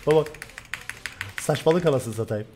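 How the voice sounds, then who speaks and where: A young man from Turkey commentating loudly and excitedly on his own gameplay, swearing and shouting at the game. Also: fairly high pitch, moderate pace, slight background noise. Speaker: gaming streamer.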